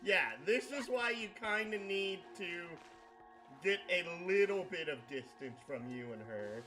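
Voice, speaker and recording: A man's voice: high-pitched, expressive, a little slow, pushed and bright. A man chatting casually with friends over a video game and giving them directions. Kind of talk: casual gaming chat. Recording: game music behind the voice.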